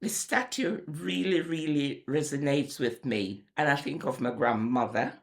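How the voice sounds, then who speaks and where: A woman, recounting family memories in a measured, emphatic way. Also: low-pitched. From Portland, Jamaica. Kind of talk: personal reminiscence.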